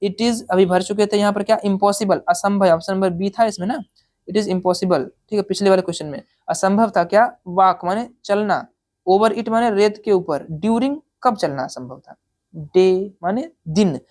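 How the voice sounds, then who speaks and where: Woman for an exam-prep English lesson: a patient tutor who reads lines slowly, then explains them in Hindi, with a mid-pitched voice. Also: darkish tone. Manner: keeps checking with the listener.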